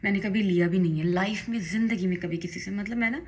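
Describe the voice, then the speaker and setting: Here a young woman from Pakistan chats through her makeup routine at home for a vlog, her voice medium-pitched, quick and somewhat dark in tone. Emphatic and talkative, she rises now and then into indignant bursts.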